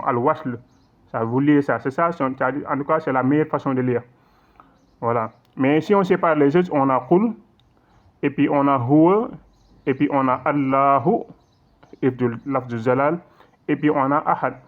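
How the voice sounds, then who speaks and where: A man teaching recitation rules in an online lesson, explaining patiently, checking in often, and reciting examples slowly. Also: mid-range voice. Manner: patient, repetitive explaining with frequent check-ins; slow drawn-out recitation in demonstrations. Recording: tinny phone-like audio.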